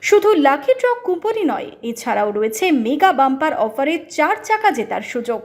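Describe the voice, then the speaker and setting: A woman's voice: high voice, sing-song, a little fast. A woman reading scripted promotional narration as an emphatic announcer. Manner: emphatic announcer delivery listing prizes. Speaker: promotional news-style announcer.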